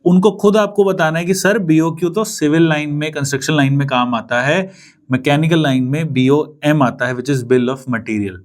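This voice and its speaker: Young trainer from India, slightly high voice, casual and example-driven, switching between Hindi and English. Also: fairly even intonation, normal speed. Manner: mixes Hindi and English, explains with everyday examples. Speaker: CAD trainer. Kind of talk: casual classroom explanation.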